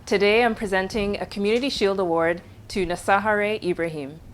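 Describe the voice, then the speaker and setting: A woman's voice: medium pitch, fairly even intonation, brisk, a little hiss or hum. A woman presenting an award on behalf of a board, speaking formally and graciously.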